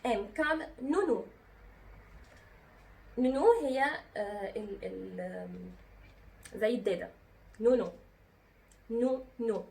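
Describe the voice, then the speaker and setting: A woman's voice: mid-range voice, unhurried, gravelly, pauses often, darkish tone, recorded from a distance. A woman with an Egyptian accent teaching a lesson, patiently spelling out letters and repeating each sound. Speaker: French teacher.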